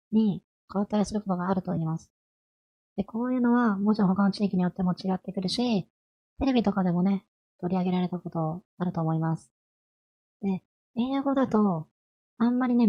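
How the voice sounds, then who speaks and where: A woman's voice: medium pitch, muffled recording. A woman in her twenties giving a chatty, friendly explainer lesson on language, asking her listeners rhetorical questions. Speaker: language vtuber.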